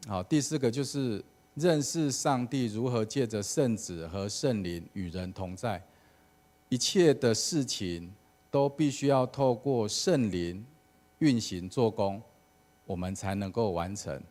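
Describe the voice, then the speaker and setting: A man's voice: on the low side, expressive, a little slow, darkish tone. A man, a church elder giving a casual sermon with an anecdote at a prayer meeting. He talks conversationally and often starts phrases with "好" and "哦".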